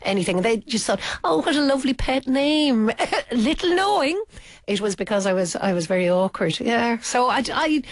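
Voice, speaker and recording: A woman's voice: fairly high pitch, animated, moderate pace, dry recording. A woman in her late forties with an Irish accent, a guest author chatting in a radio studio interview, self-mocking and full of fillers and restarts. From Ireland. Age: 40s.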